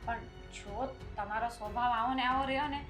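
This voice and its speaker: An actress playing a meek daughter-in-law who hesitantly tries to calm her strict mother-in-law. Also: a little high, moderate pace, soft background music, lightly acted. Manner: hesitant, soft, placating. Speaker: actor in a short film. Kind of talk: family drama acting.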